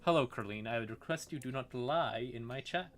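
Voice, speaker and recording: Explaining fantasy lore informally on a livestream, a man speaks in a halting, wry manner and tosses casual remarks to his chat. His voice is medium in pitch with a fairly bright tone.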